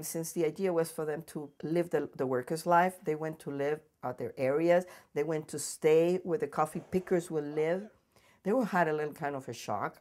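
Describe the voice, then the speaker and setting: A woman's voice: low voice, darkish tone, a little hiss or hum. A woman speaking as a farm host, explaining things in slightly non-native English phrasing. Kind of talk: explanatory interview and welcome talk. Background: guitar music.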